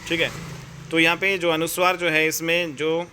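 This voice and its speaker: A man with an Indian accent talks through a Hindi grammar lesson for exam students. His voice is bright and a little raised in pitch, and he keeps up a friendly, repetitive patter, calling the viewers friends and brother. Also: little pitch movement, normal speed, a little hiss or hum. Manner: chatty, repeats fillers, addresses viewers as friends and brother. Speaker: Hindi teacher.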